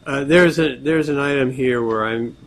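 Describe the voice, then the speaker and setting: A man speaking as a board member in a meeting, halting and full of uhs as he raises a correction. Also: medium pitch, crowd noise, poor audio. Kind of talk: meeting discussion.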